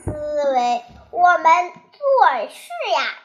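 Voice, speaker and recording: A child storyteller reading a children's tale in a slow, halting way, with restarts. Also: high voice, sing-song, dull audio.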